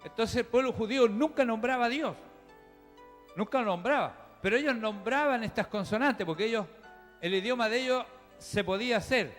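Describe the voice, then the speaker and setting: Man, pastor, high-pitched, preaching in a church hall with reverb and faint music. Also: normal speed, a bit bright. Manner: teaching, chatty, addresses the congregation directly. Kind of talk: sermon.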